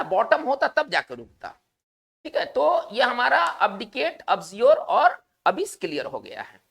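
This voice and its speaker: Woman teacher for a vocabulary lesson: fairly high, gravelly voice, repetitive and explanatory, often checks in with the listener. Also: a bit bright.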